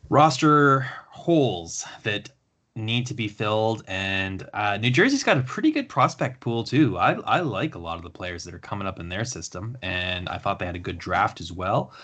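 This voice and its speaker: Guy with a lowish voice hosting a laid-back podcast chat, lots of ums and you-knows. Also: moderate pace. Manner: relaxed, talks in long runs with fillers. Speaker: podcast host. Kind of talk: casual hockey chat.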